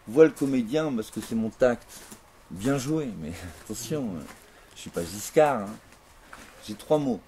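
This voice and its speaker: Low-voiced french guy doing a big theatrical prophet-style monologue, slow and emphatic, faint hum behind. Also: warm tone. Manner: grandiose, declamatory, slow and emphatic. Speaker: interviewee.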